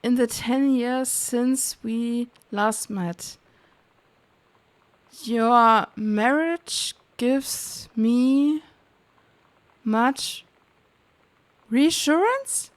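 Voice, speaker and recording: Sounding confused, a game streamer with a fairly high-pitched voice stumbles through on-screen text during a casual livestream. She mutters her guesses under her breath along the way.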